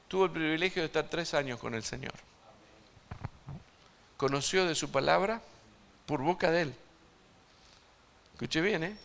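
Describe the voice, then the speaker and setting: At a church service, a man with a voice on the high side preaches an evangelistic sermon to the congregation. He's emphatic, swinging between loud and hushed, and puts direct questions to his listeners.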